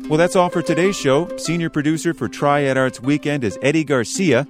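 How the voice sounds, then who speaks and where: A man's voice: on the high side, steady tone, moderate pace. A man in his forties hosting a radio arts program, playful in conversation and then reading scripted announcements, with music playing under his voice. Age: 40s. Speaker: radio arts show host. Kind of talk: radio interview and show outro.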